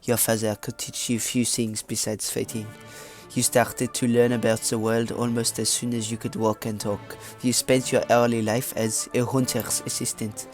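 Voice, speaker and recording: A man's voice: mid-range voice, flat delivery, moderate pace, lightly acted. A man reading game story text aloud in a hammy mock French accent, stumbling over words as he goes, with faint game music behind.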